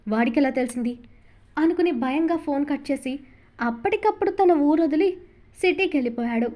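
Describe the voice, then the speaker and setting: A woman narrating a romance novel in a steady, scripted storytelling manner. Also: high-pitched. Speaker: audiobook narrator.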